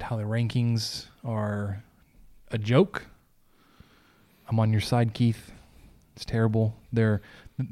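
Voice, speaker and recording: A man from Texas with a gentle giant voice, hosting a sports podcast in a loose, informal, conversational way. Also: mid-range voice. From Texas, United States. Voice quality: gentle giant voice, soft and big. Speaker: podcast host. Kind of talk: casual sports podcast chat.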